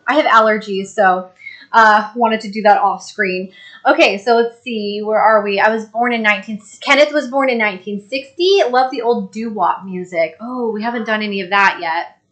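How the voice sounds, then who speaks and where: A woman's voice: mid-range voice, normal speed, fairly bright tone. A young woman co-hosting a casual live stream, reading viewer comments aloud and laughing easily. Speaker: co-host reading live chat.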